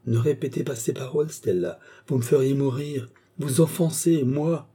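A man's voice: mid-range voice, normal speed, dark tone, husky, voice pushed up, lightly acted. A man voicing an ardent young male painter in an audiobook, speaking with passionate, pleading intensity. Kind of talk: audiobook character voice.

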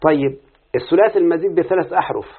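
A man with an Egyptian accent teaching a grammar lesson, quizzing students and repeating word patterns slowly. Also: a little high. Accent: Egyptian Arabic. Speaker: teacher of Arabic morphology. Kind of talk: classroom lesson with student responses. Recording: tinny phone-like lo-fi recording.

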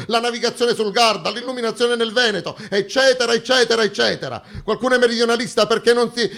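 In a theatrical monologue, a man acting on stage uses rhetorical repetition in an emphatic, declamatory delivery. His voice is very high-pitched, bright and forceful.

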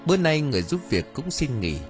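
A man reading a story aloud as narrator, in an expressive, dramatic audiobook style. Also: on the high side, a little fast. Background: faint music.

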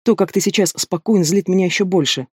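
A man's voice: sits high, a little fast, husky, no room sound, studio quality. A man voicing a young, hot-tempered werewolf girl who speaks in a fiery, indignant way, read as an audiobook character.

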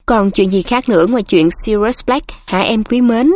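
A woman voicing a pompous, portly middle-aged male minister who talks in a gruff, overly familiar way in a storybook reading. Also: medium pitch, normal speed, a little mellow, dry recording, clean studio sound, lightly acted.

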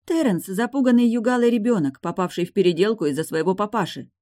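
A woman reading an audiobook, voicing a stubborn, sharp-tongued young woman who talks in firm, clipped phrases. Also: mid-range voice, expressive, a little fast, no room sound, studio quality, voice pushed up, lightly acted. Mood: defiant.

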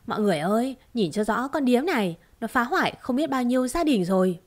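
A woman voicing a vicious middle-aged woman who shouts abuse fast and harshly. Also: fairly high pitch, expressive. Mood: accusing.

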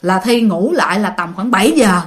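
A woman's voice: medium pitch, normal speed. A woman with a Southern Vietnamese accent telling a ghost story in a casual spoken way, talking straight to her listeners. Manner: animated, talks straight to listeners.

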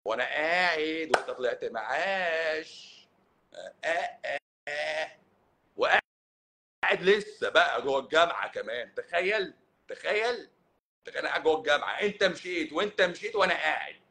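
A man's voice: a little high, brisk. A middle-aged man with an Egyptian Arabic accent, a doctor talking in a casual, sarcastic live-stream monologue. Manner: sarcastic, mocking, animated.

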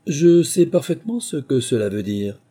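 A man's voice: medium pitch, big pitch swings, normal speed, dark tone, breathy edge, pitched above the performer's own voice. A man voicing a smug know-it-all male duck who explains things in a lofty way.

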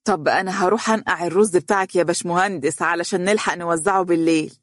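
A warm middle-aged mother from an audiobook story, speaking in Egyptian dialect with affection and a light teasing tone, as the narrator puts her on. Her voice sits a little higher than the narration, and the recording is dry and close. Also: quick pace, dry recording, lightly acted.

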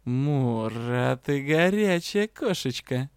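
A man's voice: mid-range voice, animated, takes it slowly, darkish tone, clear, resonant tone, no echo, studio quality. A man voicing a flirtatious male dragon spirit in a cat's body, drawling and purring. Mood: flirty.

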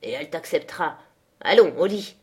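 A woman reading aloud, voicing a harsh, scheming middle-aged man who speaks slowly and loudly. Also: low voice, animated. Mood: gruff commanding.

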